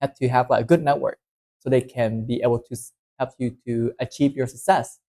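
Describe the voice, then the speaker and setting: A man from southern Vietnam speaks English as he co-presents a workshop. He talks earnestly, looping back on his phrases and leaning on "you know" and "like." His pitch stays at an ordinary middle level. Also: steady tone, a little fast, mellow. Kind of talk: casual workshop talk.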